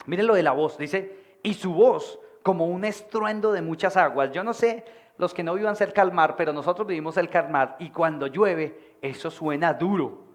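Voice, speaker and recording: Man, lively sermon delivery, projected voice, higher pitched, church meeting. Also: moderate pace. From Colombia. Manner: animated, acts out voices of people in stories; projects his voice from the diaphragm. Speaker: pastor.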